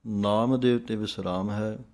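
A man teaching correct recitation of scripture, chanting each line slowly and deliberately, then explaining the pauses in a calm, patient voice. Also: on the low side. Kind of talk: recitation lesson.

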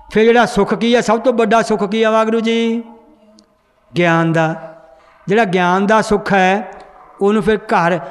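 A man's voice: high voice, long reverb tail. A man teaching a group how to read and understand scripture, quizzing the class and then answering himself. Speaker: Gurbani grammar teacher.

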